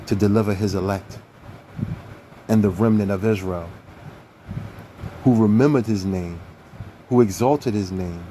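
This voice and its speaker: A man's voice: on the low side, dark tone, slight background noise. A man giving an earnest sermon-style scripture teaching, emphatic and repeating key phrases.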